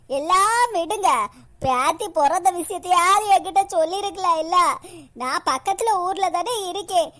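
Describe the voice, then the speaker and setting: Woman doing a whiny silly young wife in a cartoon, kanyakumari tamil accent, high voice, always complaining. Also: a bit bright. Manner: whining, complaining. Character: whiny, dim married daughter, young woman.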